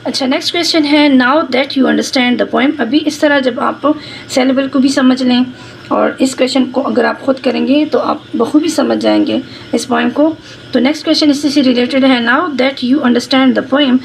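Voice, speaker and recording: A woman English teacher, dictating answers slowly and explaining them quickly. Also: sits high, vocal fry, slight background noise, low-quality recording. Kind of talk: classroom lesson, reading slowly in English and explaining fast in Hindi.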